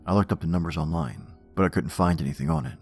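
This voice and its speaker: A man giving a grave, drawn-out dramatic reading of horror stories and verse. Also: sits low, creaky. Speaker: narrator. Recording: music under the voice.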